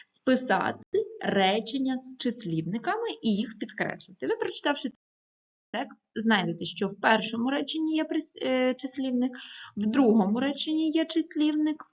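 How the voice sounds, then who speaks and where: A woman teacher gives a recorded lesson to young pupils in a fairly high, lively voice that rises and falls a great deal. She speaks clearly and patiently and stresses each number as she reads. The sound is dull and lo-fi. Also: normal speed. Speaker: primary school teacher.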